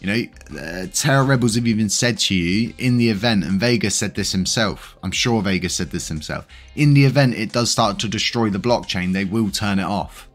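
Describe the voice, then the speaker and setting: Over soft background music, a congested, slightly wheezy British crypto-channel host rambles through casual news commentary, full of fillers. His voice is lowish and he speaks at a normal speed with hardly any pauses.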